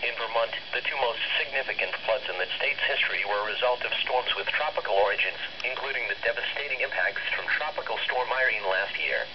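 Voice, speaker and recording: A weather radio announcer with a medium-pitched voice reads scripted public information in a formal, synthetic-sounding way, fairly quickly and with hardly any pauses. The broadcast is noisy and muffled.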